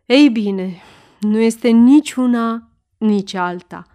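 A woman's voice: fairly high pitch, warm tone, natural voice. A woman voicing a composed, dryly ironic aristocratic prince in an audiobook reading. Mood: calm, ironic. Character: calm, ironic aristocratic prince, adult man.

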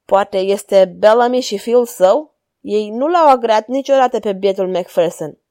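A woman's voice: mid-range voice, darkish tone, dry recording, clean studio sound, close to an everyday voice. A woman voicing a worried male police inspector who presses eager, pleading questions in a storybook reading. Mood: anxious.

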